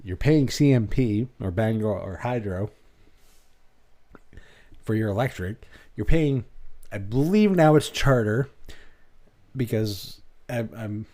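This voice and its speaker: A man's voice: on the low side, expressive, slow pace, long pauses, warm tone. A man with a Maine accent giving blunt, rambling reaction commentary as host of his channel.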